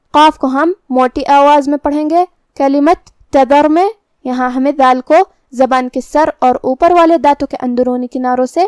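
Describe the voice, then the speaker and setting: A woman's voice: sits high, a little mellow, no echo, studio quality. A woman teaching Quran recitation rules step by step, explaining how each letter is pronounced in a methodical way. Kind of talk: tajweed lesson, explaining then reciting slowly.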